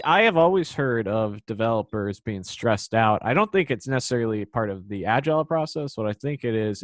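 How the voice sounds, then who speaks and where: A man's voice: on the low side, no echo. A man co-hosting a podcast, talking in a casual, conversational way. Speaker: podcast co-host, software developer.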